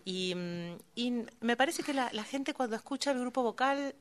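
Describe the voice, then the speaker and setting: A woman's voice: on the high side, lively intonation, moderate pace. A woman, a singer in a vocal group, answering interview questions at length.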